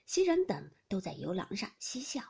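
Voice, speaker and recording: A woman's voice: mid-range voice, moderate pace, creaky, breathy edge. A woman narrating a classic novel audiobook expressively, often dropping to a whisper. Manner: expressive, with many whispered passages.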